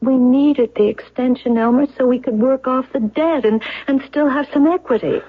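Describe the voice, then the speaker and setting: An actress in an old radio drama playing a worried, sharp-tongued wife pressing her husband. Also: sits high, moderate pace. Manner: dry, pressing and reproachful. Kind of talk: vintage radio drama acting. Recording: muffled old radio recording.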